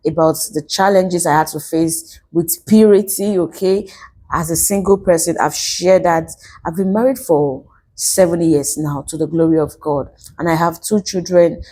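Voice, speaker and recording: Female vlogger, thirties, lower register and very mellow tone, devout testimony, restates phrases for emphasis. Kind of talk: personal testimony vlog to camera.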